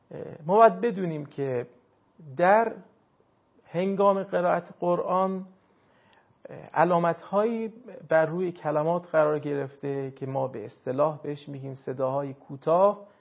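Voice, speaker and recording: A man teaching Quran recitation in a measured, explanatory way, stretching out key words to stress his points. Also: gravelly. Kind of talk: explanatory lesson. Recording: muffled low-fidelity audio.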